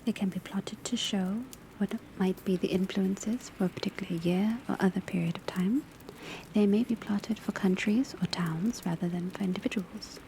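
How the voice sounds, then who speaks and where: In an ASMR roleplay, a woman plays a divination professor at a witch school, lecturing in a soft, breathy, measured whisper. Her natural voice sits at medium pitch with a steady tone, calm, hushed, and instructive. The close recording carries ambient noise of a crackling fireplace, pencil writing, and rain on the rooftop.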